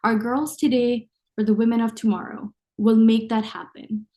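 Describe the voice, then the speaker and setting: A young woman with a fairly high voice hosts an interview. She sounds enthusiastic, reading prepared lines and filling gaps with ums as she introduces her guest. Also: level tone, normal speed, dark tone. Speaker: interview host. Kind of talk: hosted interview.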